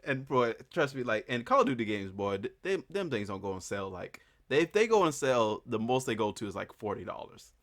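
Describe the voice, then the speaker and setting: Bright, laughing male podcast host, loose slangy casual chat. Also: medium pitch, very animated, a little fast, few pauses.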